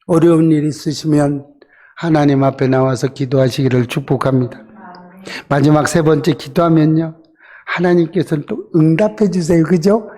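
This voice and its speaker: A man's voice: a little high, a little mellow. A male pastor giving a conversational sermon, often asking the congregation rhetorical questions and briefly acting out quoted voices. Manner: acts out quoted voices in short dramatized asides.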